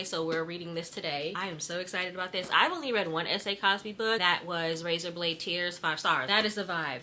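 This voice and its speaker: A woman vlogging casually about her reading at home, chatty and animated as she talks straight to her viewers. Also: fairly low pitch, slight background noise. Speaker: book vlogger. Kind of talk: casual vlog chat. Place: indoors at home.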